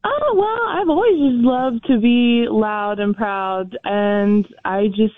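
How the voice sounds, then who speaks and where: A woman's voice: medium pitch, takes it slowly, no room sound. A woman chatting casually as an interview guest, often repeating words as she starts her answers. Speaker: interview guest, record holder. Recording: muffled, phone-like line.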